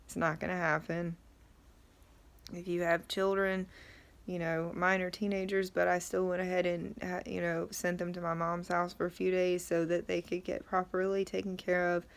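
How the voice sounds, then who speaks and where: A woman's voice: fairly low pitch, little pitch movement, normal speed, vocal fry. A middle-aged woman talking casually and matter-of-factly to camera, her throat sore as she recovers from tonsil surgery. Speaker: vlogger.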